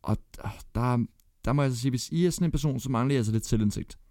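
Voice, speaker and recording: Gravelly blunt Danish man. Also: mid-range voice, darkish tone, no echo, studio quality. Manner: blunt, swears casually, counts down a ranked list. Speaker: podcast co-host. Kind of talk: casual chat.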